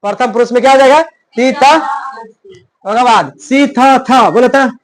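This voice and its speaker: A Sanskrit tutor with a very high, somewhat slow voice teaches a grammar lesson in plain, rustic speech. As a drill, he repeatedly poses a question and then answers it himself.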